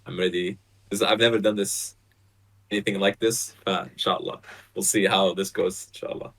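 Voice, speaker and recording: Guest: young man from Saudi Arabia, low-pitched, halting casual chat over a headset on a video call. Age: 20s. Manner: relaxed, hesitant, many fillers and restarts. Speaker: podcast guest. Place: bright apartment room, indoors.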